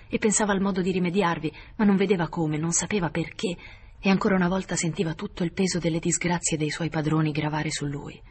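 A narrator reading a novel aloud as an audiobook in a measured, expressive way. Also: mid-range voice, a little hiss or hum.

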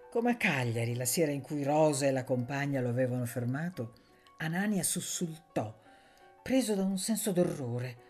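A woman with a low, full voice reads a classic novel aloud for radio. Her delivery is measured and expressive, slowing down on key phrases. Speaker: audiobook reader. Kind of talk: literary reading for radio.

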